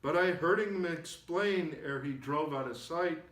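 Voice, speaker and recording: A man plays a jolly old Santa figure with a fairly high voice for a man, sounding in an echoey room. He reads storybook verse like a merry, theatrical grandfatherly storyteller. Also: unhurried, fairly bright tone. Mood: merry storytelling. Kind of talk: storybook verse read aloud.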